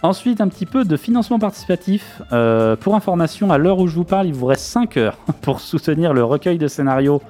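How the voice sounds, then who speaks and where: A man co-hosting a radio show, reading role-playing game news in a relaxed, joking chat with fillers. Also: on the high side, brisk, few pauses. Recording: radio studio with faint music behind.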